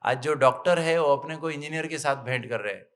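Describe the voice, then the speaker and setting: Man, middle-aged, storytelling health talk, fairly high voice, animated delivery. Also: fairly quick. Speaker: doctor giving a spiritual health talk.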